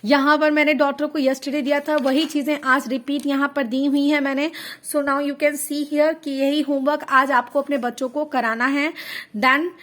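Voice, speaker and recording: A woman's voice: high voice, little pitch movement, moderate pace, a bit bright. A woman in her thirties, a home teacher, patiently walking parents through a child's worksheet and spelling words out letter by letter. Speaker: teacher guiding parents through kindergarten homework. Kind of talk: Hindi-English homework walkthrough.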